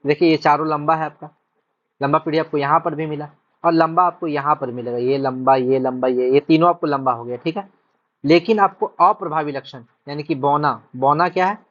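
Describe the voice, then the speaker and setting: A male teacher, explaining a lesson step by step, repeating points and often asking whether students have understood. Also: fairly high pitch. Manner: repetitive, checks understanding often. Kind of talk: whiteboard-style lesson explanation. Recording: dull lo-fi recording.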